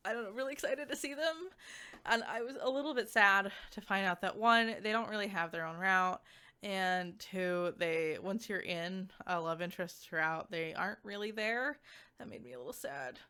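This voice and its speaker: With a smooth, bright, forceful voice at medium pitch, this woman streams and reviews video games over slides in a relaxed, conversational way. She stumbles through her unscripted-sounding remarks, leaning heavily on fillers and saying "like" often.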